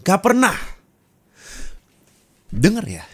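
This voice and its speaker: Close to a studio microphone, a young adult man plays a husband in an Indonesian ASMR roleplay directed at the listener, speaking intimately and colloquially to his wife. He starts soft, then turns angry and scolding, in a high, exaggerated, slightly rough voice with huge pitch swings at a slow pace.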